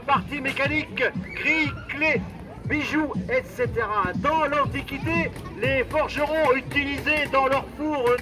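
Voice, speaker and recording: A man working as a town crier, declaiming a prepared proclamation loudly to the public. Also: very high voice, rough recording. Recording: outdoor crowd noise and music behind. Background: crowd and music.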